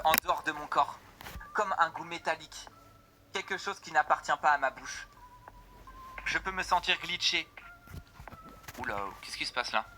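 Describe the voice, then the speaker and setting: A young woman game character, swept along by each strange potion, as a man reads her lines in his own voice. She describes every sensation dramatically in the first person, and the voice is fairly high and very bright and forceful. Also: slight background noise.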